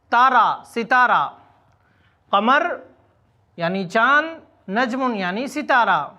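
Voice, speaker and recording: High, bright-voiced male Arabic teacher. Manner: says each Arabic word slowly and repeats it, then explains its meaning. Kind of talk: vocabulary lesson in Urdu.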